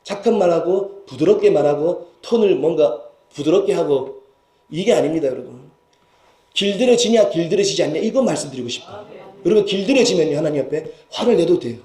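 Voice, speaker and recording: A male pastor delivers a sermon in a church sanctuary. His voice sits high for a man, mellow in tone, and it swings widely in pitch as he presses rhetorical questions on the congregation. The room is echoey. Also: animated, a little fast. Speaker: senior pastor.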